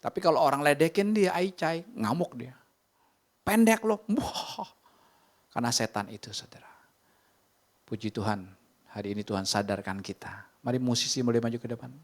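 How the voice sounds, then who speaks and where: A man with an Indonesian accent preaching a sermon from a church stage, moving between lively emphasis and hushed whispers. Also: medium pitch, brisk. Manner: animated preaching, drops to whispers. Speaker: pastor. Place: church sanctuary.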